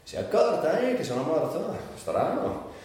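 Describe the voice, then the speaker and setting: An actor playing a bitter, mortally ill man who narrates his own fate in a slow, brooding, theatrical monologue. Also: a little high, wildly swooping pitch, a little mellow. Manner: slow, falling, brooding delivery with sudden lifts. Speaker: actor in a radio stage monologue. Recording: very echoey hall, distant mic, faint noise.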